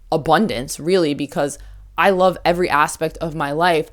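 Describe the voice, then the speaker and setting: A young adult woman talking to camera in a casual, reflective monologue, earnest and motivational, with slow pauses on heavy points. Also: low voice, fairly bright tone. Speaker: vlogger.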